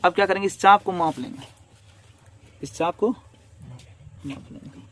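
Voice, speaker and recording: A man's voice: sits high, a little slow, fairly bright tone. A man teaching a maths lesson step by step, repeating each step and asking rhetorical questions as he draws.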